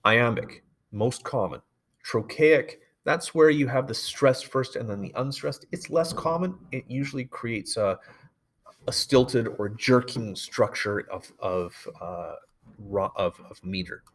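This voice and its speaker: A man's voice: medium pitch, a little slow. Man teaching a poetry lesson. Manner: explanatory, with frequent fillers and self-corrections. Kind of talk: recorded classroom lecture.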